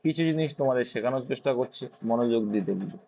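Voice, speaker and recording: A man's voice: medium pitch, rapid-fire, creaky, warm tone. A man with a Bengali accent teaching English grammar as a tutor. He asks questions and then answers them himself. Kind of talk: explaining grammar to students. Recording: dull lo-fi sound.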